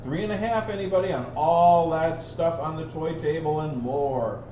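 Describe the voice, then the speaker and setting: A man calls a live auction in a fairly high voice, repeating bids and bantering in a folksy way. He sounds set back from the microphone in an echoey room, and the sound is a little dull. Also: normal speed, warm tone. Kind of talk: live auction calling, repeated bid chant. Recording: roomy, distant, dull sound with faint noise.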